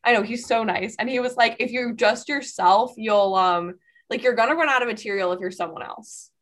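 A woman's voice: on the high side, fairly quick, fairly bright tone. A young woman, a comedian hosting a podcast, chatting casually and using lots of "like". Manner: filler-heavy, lots of "like". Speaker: podcast host, stand-up comedian. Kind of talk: casual interview chat.

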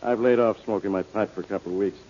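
A man's voice: lowish voice, fairly even intonation, quick pace, a little mellow, slight background noise, lightly acted. Brusque Inspector Faraday, acted by a man. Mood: dry, guarded. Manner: gruffly dry, commanding. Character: brusque, dry-witted police inspector. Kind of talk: 1940s radio drama acting. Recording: muffled old radio recording.

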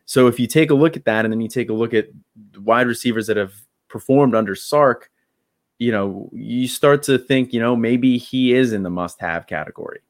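A man's voice: medium pitch, moderate pace, dry recording, studio quality. A man co-hosting a podcast in a casual sports analysis chat, talking in a hesitant way with lots of fillers. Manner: hesitant, leans heavily on "you know" and "um". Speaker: podcast co-host.

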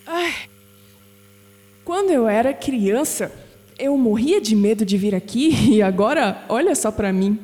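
In an audio drama, an actress with a Brazilian accent plays a curious, headstrong young granddaughter, thinking aloud expressively. Her female voice sits a little high, and the recording is dry.

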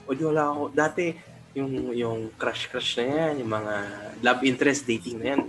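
A young man co-hosting a podcast, telling childhood stories in lively Tagalog and acting out quoted dialogue. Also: mid-range voice, normal speed, soft background music. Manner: animated storyteller, acts out quoted dialogue. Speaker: podcast co-host. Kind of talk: casual storytelling.

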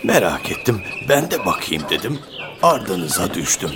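An actor playing a cantankerous old village patriarch in a radio play, with folksy rural speech and a scolding manner. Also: male voice, low-pitched, big pitch swings, normal speed, background noise. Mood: grumbling, stubborn. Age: older. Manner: grumbling, scolding, rhetorical questions.

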